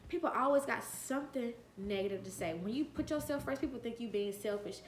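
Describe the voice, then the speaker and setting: A woman vlogging in her late twenties tells her own story at a brisk pace and a fairly high pitch. The sound is reverberant with slight background noise, and her delivery is earnest and emphatic, built on repeated phrases.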